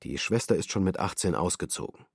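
A man's voice: low-pitched, lively intonation, fairly quick, creaky, slightly rough, no room sound, clean studio sound, heavily acted. An actor playing a male defendant in his thirties, giving clipped, terse testimony in a documentary radio drama.

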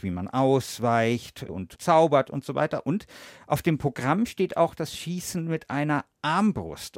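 A male podcast host talks in a conversational, explanatory way. His speech is slightly hampered by a retainer in his mouth, and he sits at a medium pitch in a very dry recording. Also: dry recording. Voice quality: slight speech impediment from a newly fitted dental brace.

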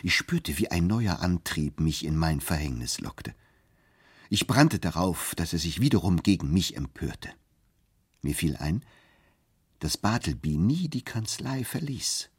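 A man giving a measured, expressive first-person narration of a literary story. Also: deep voice, husky. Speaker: audiobook narrator.

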